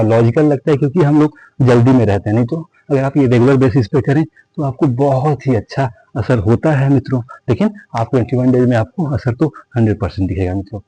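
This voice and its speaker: A man's voice: medium pitch, dark tone, no room sound, poor audio. A man teaching yoga, counting breaths and reassuring his viewers to go easy and rest when tired. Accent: Hindi. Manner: addresses viewers as friends repeatedly, counts breaths; reassuring, tells listeners to rest and not strain. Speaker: yoga instructor. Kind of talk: guided yoga class instruction.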